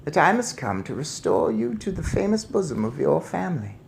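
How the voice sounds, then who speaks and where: A man voicing a brisk, prim elderly grandmother in a storybook reading. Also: fairly high pitch, sing-song, vocal fry, slight background noise, pitched above the performer's own voice.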